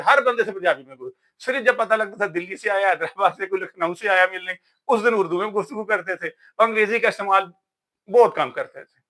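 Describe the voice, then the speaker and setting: A man's voice: sits high, pushed and bright. A man from Pakistan, giving a casual, emphatic talk about books in a vlog. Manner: emphatic, preachy, says "yaar" often. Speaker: vlogger.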